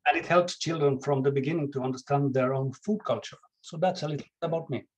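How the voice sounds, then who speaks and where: A Finland-Swedish chef from Finland, whose native language is Swedish, appears as a podcast interview guest with a matching accent. His voice is a little high, and he speaks in a measured, careful way, sometimes searching for words.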